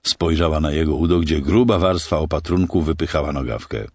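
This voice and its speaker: A male narrator reading a science fiction audiobook with expressive storytelling. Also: extremely low pitch, fairly quick, dry recording, clean studio sound.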